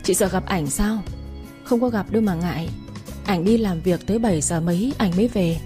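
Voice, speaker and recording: A woman voicing a kindly woman friend who coaxes and insists gently. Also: mid-range voice, normal speed, soft background music, close to an everyday voice. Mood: coaxing. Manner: coaxing, insistent.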